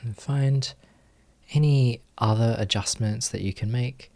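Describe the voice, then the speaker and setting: A male meditation teacher guides a session, speaking gently and softly in short phrases separated by long pauses. His voice is medium in pitch and creaky.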